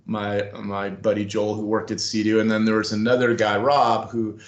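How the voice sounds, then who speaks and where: A man's voice: lowish voice, normal speed, dull audio. A middle-aged man telling a long story in an interview, acting out what people said. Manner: animated storyteller acting out quotes. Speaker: former school staff member, guest. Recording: roomy echo.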